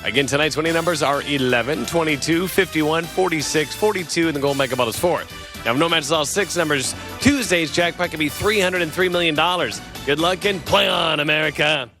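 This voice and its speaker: A man's voice: a little high, a little fast. A man hosting a televised lottery draw, announcing in an upbeat, scripted presenter style. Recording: music behind the voice.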